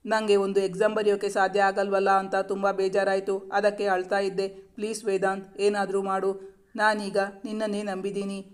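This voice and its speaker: A man's voice: high-pitched, monotone, moderate pace, natural voice. A man reading the lines of an anxious young wife and student in a storybook romance, pleading and apologetic.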